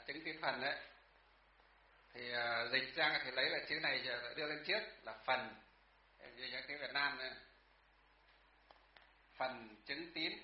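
A man teaching a class about Chinese characters, patient and repetitive, often asking the class questions. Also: medium pitch. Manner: patient, repeats words, asks the class questions. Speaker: Buddhist teacher. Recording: echoey, distant, dull room sound.

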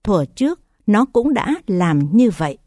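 A solemn, wise male teacher, voiced by a woman reading a scripture tale recites his teaching in a measured way. His delivery is slow and his tone mellow. The recording is dry and close. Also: mid-range voice, big pitch swings, no echo.

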